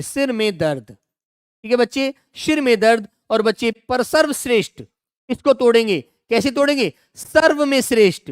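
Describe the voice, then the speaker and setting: A middle-aged male teacher running an online exam-prep grammar class, repeating each example and coaxing students to answer quickly. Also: very high voice, dry recording, studio quality.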